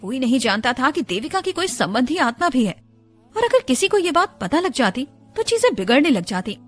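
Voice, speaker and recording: A woman radio jockey narrating a serialized audiobook. Her high voice swings widely as she tells the story expressively, over a faint bed of music. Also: sing-song, moderate pace.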